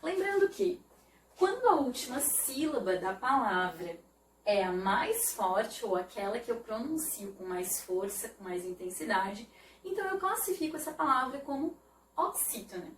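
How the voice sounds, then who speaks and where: A woman teacher giving an online video lesson, explaining slowly and carefully and often checking in with "né?". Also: on the high side, sing-song, a little hiss or hum. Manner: slow, careful explanation with repeated "né?". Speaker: Portuguese teacher. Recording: echoey room, voice from a distance.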